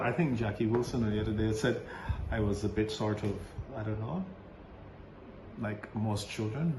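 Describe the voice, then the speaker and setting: Here the priest, a man from Barbados with a low voice, is again answering informal interview questions. He falters and starts over repeatedly, leaning on fillers and laughing frequently. Faint background noise can be heard in the roomy recording.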